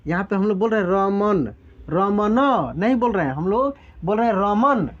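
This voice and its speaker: A man's voice: high voice, fast talker. A man teaching a spelling lesson, patiently breaking words into sounds step by step. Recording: dull lo-fi sound.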